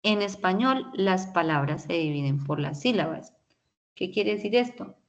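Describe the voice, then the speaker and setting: Her voice is lowish with lively intonation at a normal pace, though the audio sounds dull. She's a teacher patiently walking an online class through English grammar, frequently checking on students and leaning on tag questions.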